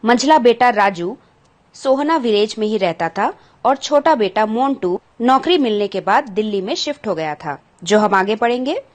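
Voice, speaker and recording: A woman's voice: a little high, lively intonation, moderate pace. A woman teacher patiently explaining a school textbook chapter to children, glossing English words and asking the pupils questions.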